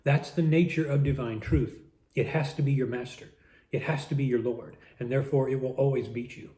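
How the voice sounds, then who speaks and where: Mellow-voiced man musing while he eats. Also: medium pitch, steady tone, fairly quick, roomy sound. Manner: musing, talks with mouth full, repeats words. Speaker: vlogger eating a meal on camera. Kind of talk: casual philosophical monologue while eating.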